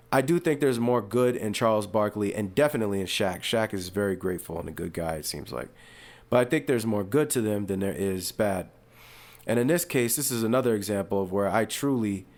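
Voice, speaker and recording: Rambling male sports commentary host. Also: lowish voice. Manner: rambling, animated asides with shifting energy; uses fillers and restarts, talks casually.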